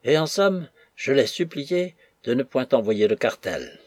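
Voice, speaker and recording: A man voicing a smooth, placating aristocrat's envoy who pleads in measured, persuasive tones. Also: mid-range voice, sing-song, darkish tone, dry recording, studio quality.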